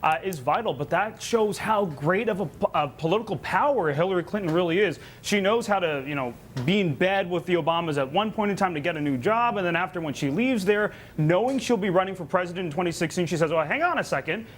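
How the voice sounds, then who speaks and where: A man's voice: sits high, animated, fast talker, a little hiss or hum. A young man hosting broadcast news and political commentary in a conversational, emphatic presenter's delivery. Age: young adult.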